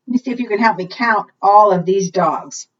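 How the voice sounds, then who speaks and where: The clip captures a children's librarian hosting storytime for preschoolers, with a dull, lo-fi sound from a far-off microphone. She speaks at a normal speed in a mid-range voice, reading in a sing-song manner and asking the young audience questions.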